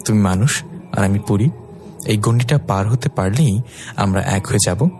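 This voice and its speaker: A man's voice: fairly low pitch, normal speed, a little mellow, soft background music, lightly acted. A man voicing a fiery, devoted young fairy woman who scolds in a bossy way. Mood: tender.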